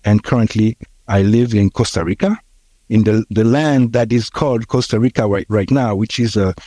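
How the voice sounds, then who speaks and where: Hesitant, mellow-voiced man in his sixties. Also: on the low side, moderate pace, dry recording. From Haiti. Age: 60s. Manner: hesitant, many fillers and restarts. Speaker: podcast guest. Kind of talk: reflective conversational storytelling.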